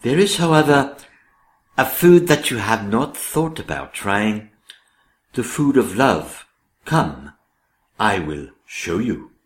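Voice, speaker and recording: An actor playing a sharp-tongued, mocking member of a king's household in a theatrical comedy, scornful and teasing. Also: lowish voice, animated, slow pace, long pauses. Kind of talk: theatrical rhyming comic drama. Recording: roomy, echoing sound.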